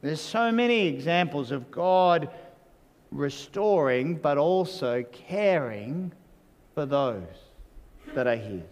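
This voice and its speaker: A man's voice: fairly high pitch, animated, slow, long reverb tail. A man preaching a sermon as pastor, conversational and full of "you know" asides.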